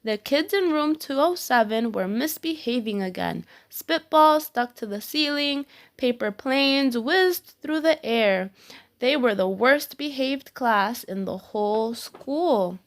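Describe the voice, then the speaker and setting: A woman reading a children's storybook aloud with expressive, deliberate narration. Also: a little high. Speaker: storybook reader.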